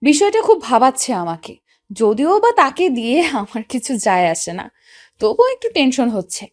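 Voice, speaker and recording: A woman's voice: high-pitched, very animated, moderate pace, dry recording, clean studio sound. A woman narrating and playing a young wife who tells the story in first person, earnest and questioning, for a Bengali audio story. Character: young wife, hurt and puzzled.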